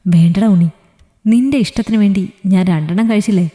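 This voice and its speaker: A woman voicing a gentle, pleading young man. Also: medium pitch, fairly quick, close to an everyday voice. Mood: earnest. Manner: pleading, joking. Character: young man, loving and gently teasing fiancé. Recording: reverberant echoey room.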